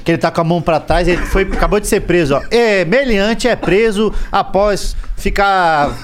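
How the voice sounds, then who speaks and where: A comedian guest in casual podcast chat, laughing and retelling old memes with gusto. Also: male voice, high voice, moderate pace, slight background noise.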